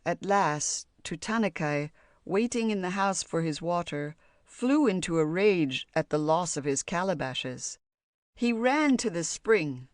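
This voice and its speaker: Slow, calm woman reading a fairy tale. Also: on the low side, dry recording, studio quality. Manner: calm, measured, storybook reading. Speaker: audiobook narrator. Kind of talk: scripted fairy tale narration.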